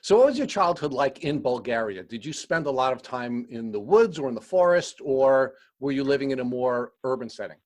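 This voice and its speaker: A man hosts a podcast interview in an even, middle-pitched voice. He opens with a formal introduction of the guest that he reads out, then moves on to asking her questions. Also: a little fast, few pauses. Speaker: podcast host.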